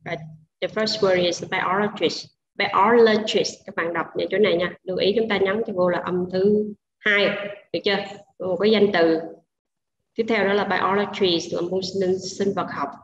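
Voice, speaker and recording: A woman's voice: mid-range voice, fairly even intonation, normal speed, slight background noise. A woman teacher with a Vietnamese accent reviewing vocabulary in an online class, switching between Vietnamese and English and stressing syllables patiently. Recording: echoey dull room sound.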